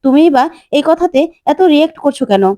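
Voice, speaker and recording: A mocking, gossipy sister-in-law, voiced by a woman narrator. Her needling is high and mellow. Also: expressive, fast talker, dry recording.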